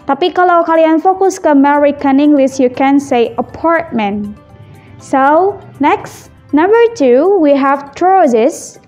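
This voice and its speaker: A woman English teacher from Indonesia gives a vocabulary lesson, mixing two languages and repeating words slowly for practice. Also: sits high, animated, darkish tone, soft background music.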